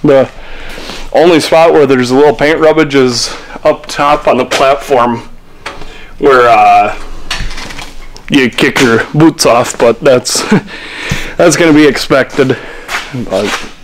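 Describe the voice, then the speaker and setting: A man's voice: mid-range voice, slow, long pauses, a little hiss or hum, rough recording. A young man on his farm, talking easygoing into a camera he holds at arm's length, thinking aloud with fillers. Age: young adult. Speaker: farm vlogger. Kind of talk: casual vlog narration. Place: tractor cab, outdoors on farm and machine shed.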